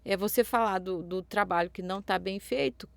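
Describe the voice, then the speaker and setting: A woman's voice: mid-range voice, fairly quick, vocal fry, no echo. A Brazilian woman co-hosting a parenting podcast, explaining in a casual way with frequent tag questions. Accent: Brazilian Portuguese. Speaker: podcast co-host.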